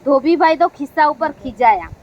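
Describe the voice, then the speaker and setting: A woman's voice: high-pitched, lively intonation, a little fast, a little mellow, lo-fi sound. A woman teacher telling a story to young pupils and asking them questions. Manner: explains to the class with questions, playful. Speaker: primary school teacher. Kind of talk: storytelling lesson for children.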